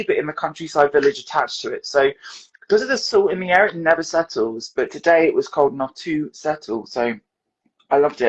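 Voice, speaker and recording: Woman, British, hoarse voice, casual live-stream chat, chatty host. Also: deep voice, dull audio. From United Kingdom. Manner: chatty, laughs often, fiddles with tech while talking. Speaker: podcast host. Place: dressing room at home.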